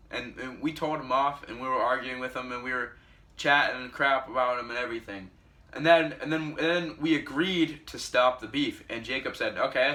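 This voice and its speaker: A man's voice: medium pitch, pushed and bright. A teenage boy telling a storytime vlog, rambling with many restarts and self-corrections. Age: teens. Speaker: vlogger.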